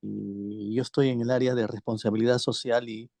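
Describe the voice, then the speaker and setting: Hesitant man on a video call, gravelly and dark-toned, audio dry and close. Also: medium pitch, little pitch movement, normal speed, no room sound. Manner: hesitant, many fillers and restarts. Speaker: webinar attendee asking questions.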